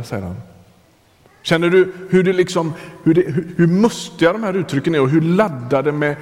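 A man's voice: a little high, darkish tone. A man preaching a sermon in a conversational way, speaking straight to the listener and often restarting his sentences. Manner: conversational, addresses listener directly, frequent restarts. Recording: long hall reverb.

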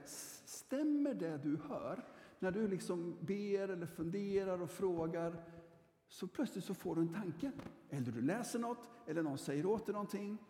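A male pastor preaching a sermon in a relaxed, conversational and reassuring way, with plenty of fillers and restarts. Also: high voice. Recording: echoey hall with long reverb.

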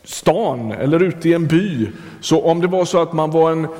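A man preaches a sermon conversationally, speaking directly to the listener and often restarting his sentences. His voice is on the high side and a little mellow, with lively intonation. Long hall reverb surrounds the recording.

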